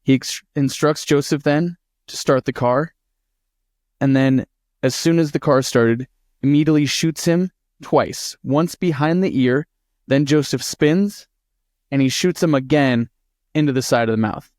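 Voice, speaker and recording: A man co-hosting a podcast, telling a true-crime story in a casual, animated and profane way. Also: medium pitch, unhurried, no room sound, studio quality. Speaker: podcast co-host.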